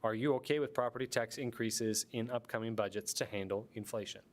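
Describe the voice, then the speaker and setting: A man's voice: on the low side, steady tone, fairly quick. A man moderating a candidate forum, reading out questions and voting reminders with a few fillers. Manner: reads questions and announcements with fillers.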